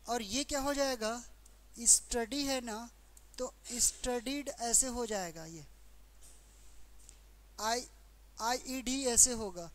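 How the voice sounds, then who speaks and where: A woman teacher with a Hindi accent explaining English verb forms in a grammar lesson, asking questions and repeating each answer. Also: on the high side. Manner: slow, repetitive explaining with questions to students. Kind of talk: exam-prep grammar lesson.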